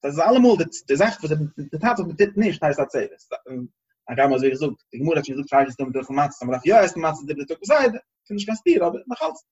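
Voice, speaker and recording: Guy teaching a torah class, husky voice, kinda halting and repeating himself, muffled lo-fi recording. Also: fairly high pitch, sing-song, darkish tone. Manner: halting, searching, repeats phrases while reasoning. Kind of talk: thinking-aloud Torah class.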